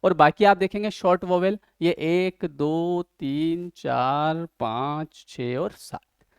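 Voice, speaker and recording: A man's voice: a little high, slow pace, smooth, no room sound, clean studio sound. A man with an Indian accent teaching an online exam-prep lesson. He explains step by step and keeps checking whether his students follow.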